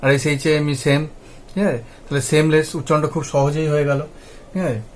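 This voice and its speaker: Male teacher, slightly high voice, spells words letter by letter, faint background noise. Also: flat delivery, fast. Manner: spells words letter by letter, repeats them, frequent checks. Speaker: English teacher. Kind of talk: spoken lesson.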